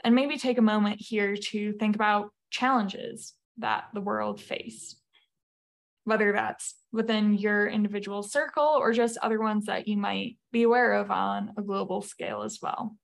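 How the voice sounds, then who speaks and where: A woman speaking as a podcast guest over a video call, explaining at a measured pace with frequent fillers. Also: mid-range voice, level tone, vocal fry. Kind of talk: presenting slides in a remote interview.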